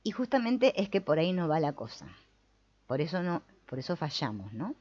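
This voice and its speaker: A woman's voice: on the low side, normal speed. A woman, teaching a spiritual talk on the mind and acting out inner voices. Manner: lively, acts out inner voices. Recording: slightly dull lo-fi sound.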